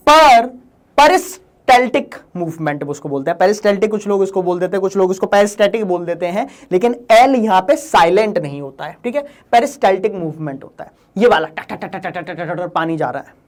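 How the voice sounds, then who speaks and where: A man's voice: high voice, very animated, moderate pace. A male teacher giving an exam-prep lesson in a joking, teasing way. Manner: joking, playful, teasing students. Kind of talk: exam-prep lesson in Hindi-English mix.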